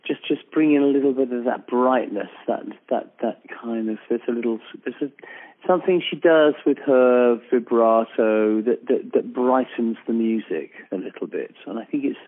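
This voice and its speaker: A man's voice: mid-range voice, normal speed. A man, a singer, chatting casually on a call, rambling with many restarts. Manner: rambling, restarts, breaks into soft song. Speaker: singer, guest. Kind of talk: casual chat. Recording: tinny phone-line sound.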